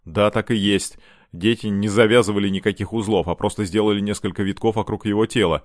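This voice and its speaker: A man reading a novel aloud as audiobook narrator, measured and dramatic. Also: on the low side, steady tone, dry recording, clean studio sound. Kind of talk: scripted narration.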